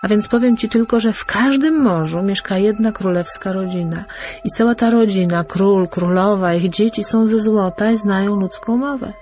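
A woman voicing a gentle magical golden fish speaking in a soft, fading voice. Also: mid-range voice, normal speed, close to an everyday voice.

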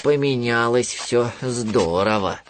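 A man voicing a gloomy, sluggish male bear cub who speaks slowly with sighs. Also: medium pitch, a little hiss or hum, lightly acted. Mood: glum. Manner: slow, sighing, glum.

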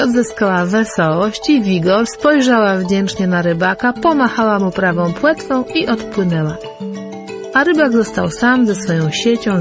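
A woman narrating a fairy tale in an expressive, lilting storyteller manner. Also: medium pitch. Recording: faint background music.

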